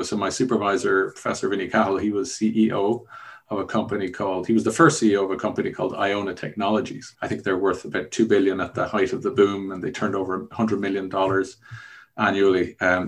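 Fast, gravelly Irish man. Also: deep voice. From Ireland. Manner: explanatory, rambling with restarts. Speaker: guest. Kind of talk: casual interview talk.

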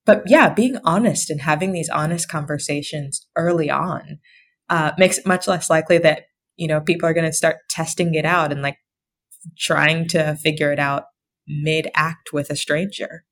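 A woman with a calming voice, an author explaining things informally as a guest in a conversational podcast interview. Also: deep voice, moderate pace, slight background noise.

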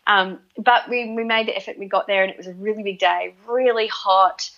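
An Australian woman in her thirties speaks conversationally in an interview. Her voice sits at a middle pitch, and she often doubles back, repeating words as she finds her phrasing. The recording is a little dull and lo-fi. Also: fairly even intonation, brisk. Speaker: interview guest, parent. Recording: slightly dull, lo-fi audio.

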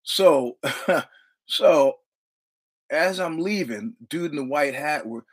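Hosting his show, a man in his sixties from Brooklyn, New York, spins a swaggering, profane yarn as a casual monologue and performs the dialogue. His voice runs on the high side, animated, and he takes it slowly.

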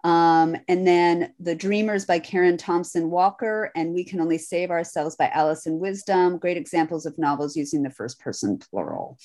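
Woman hosting a relaxed online panel. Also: lowish voice, normal speed, few pauses. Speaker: host. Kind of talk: casual online panel chat.

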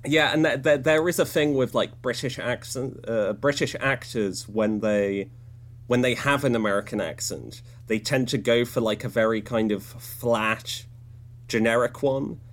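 A man's voice: medium pitch, unhurried. A man co-hosting a podcast in casual chat, loose and full of fillers like "like" and "uh". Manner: relaxed, filler-heavy talk with lots of "like". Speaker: podcast co-host.

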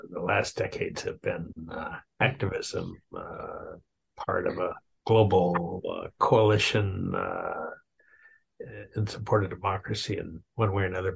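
A man in his eighties with a deep, gravelly and very raspy voice. He speaks hesitantly, pausing often. The audio comes through a video call. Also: rough recording. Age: 80s. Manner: hesitant, with frequent pauses. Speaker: guest panelist.

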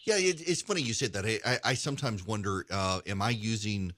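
A man in his forties with a lowish voice asks questions in a relaxed, reflective way, with small restarts as he thinks. The sound is close and dry. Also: no room sound. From Dubai. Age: 40s. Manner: conversational, reflective, slightly halting. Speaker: host, interviewer. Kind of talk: interview questions.

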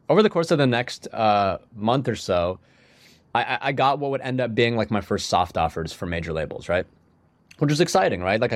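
In a recording with no room sound, a young man who is a musician rambles casually through his story as a podcast guest. His mid-range voice is a little sniffly from a cold, and he says "like" constantly and restarts frequently.

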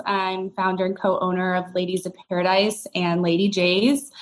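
A woman co-founder talking casually as a podcast guest, relaxed and full of fillers like "you know.". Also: lowish voice, low-quality recording. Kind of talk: casual interview chat.

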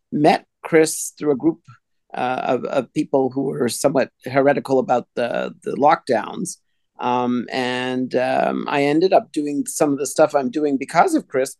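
A man answering casually as an interview guest, halting often and repeating words as he goes. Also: mid-range voice, darkish tone, no echo. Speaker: podcast guest, endocrinologist.

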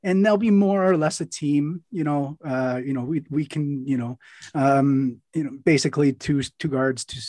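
A man's voice: medium pitch, a little mellow, no echo, clean studio sound. Rambling man hosting a podcast. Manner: rambling, many fillers and restarts. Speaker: podcast host. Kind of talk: casual podcast chat.

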